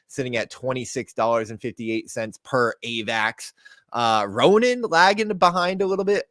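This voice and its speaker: A man co-hosting a crypto gaming show, talking through market news casually in hyped crypto-bro slang with shout-outs. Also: mid-range voice, no echo, clean studio sound.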